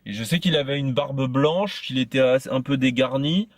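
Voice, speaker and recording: A man telling a personal story to a friend, tripping over his words and circling back on phrases again and again. His voice sits at an ordinary middle pitch and is recorded close and dry, with no room sound. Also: moderate pace, no echo. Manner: stumbling, repeats himself often. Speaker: podcast host. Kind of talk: casual storytelling chat.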